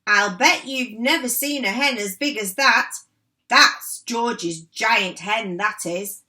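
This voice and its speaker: A woman doing a shrill cackling old granny. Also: level tone, moderate pace. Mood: boastful. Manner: shrill, shouting, boastful. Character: cackling old grandma stuck through a roof.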